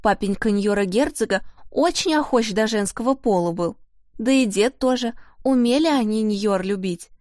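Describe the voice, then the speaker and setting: A gossipy old servant woman chatters on, a little higher than the teller's own voice, as a woman narrator puts her on. The sound is dry and close. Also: moderate pace, a little mellow, no room sound, natural voice. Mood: gossiping.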